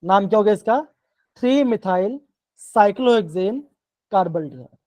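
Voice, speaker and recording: A man's voice: high voice, lively intonation, normal speed, darkish tone, dry recording. A man teaching chemistry in a live online class, explaining step by step, repeating himself and often checking that the students follow. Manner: coaxing, keeps checking in with the class.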